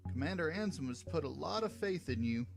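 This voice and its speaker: A man's voice: on the high side, expressive, fairly quick, vocal fry, over music. A man voicing an eager younger man, in a storybook reading. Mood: friendly.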